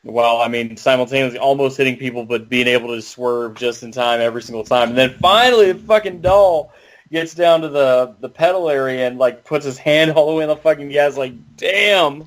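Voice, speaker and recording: A man's voice: medium pitch, a little fast. A man chatting on a casual podcast, wry and sparing with words. His voice is mid-range and plain. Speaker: podcast co-host.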